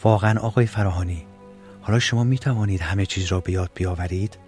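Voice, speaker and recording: A man voicing a playful, teasing middle-aged woman in an audiobook reading, speaking quickly and lightly. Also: low voice, darkish tone, soft background music, natural voice.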